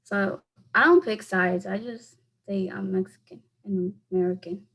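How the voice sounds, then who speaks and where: A woman's voice: medium pitch, steady tone, moderate pace, creaky, a bit bright, husky, poor audio. A young adult woman giving a speech for class over a video call, earnest and leaning on "like" when she answers questions unprepared. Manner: earnest, leans heavily on "like" when speaking off the cuff.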